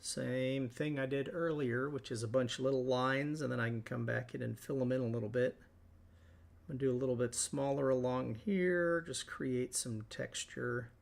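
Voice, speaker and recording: Male host, gravelly, mid-pitched, relaxed live painting tutorial. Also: moderate pace. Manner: relaxed, thinking aloud while working.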